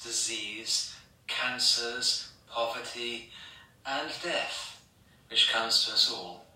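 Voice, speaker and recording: English male priest, sermon, slow and insistent, distant roomy church sound. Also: mid-range voice, bright, forceful tone. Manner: measured, repetitive rhetorical questions and lists. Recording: echoey church from far off.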